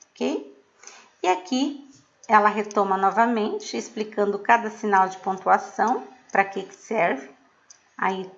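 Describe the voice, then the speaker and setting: A middle-aged woman teaches a class, patient and explanatory, checking in with her pupils again and again. Her voice sits at a middle pitch. The recording is a little dull and lo-fi. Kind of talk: recorded remote class lesson.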